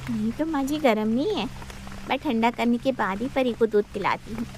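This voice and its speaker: A patient, honest young nanny in an animated story, played by a woman. She answers politely and calmly in a slightly high voice, with faint noise in the background. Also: moderate pace, natural voice. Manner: polite, calm explaining.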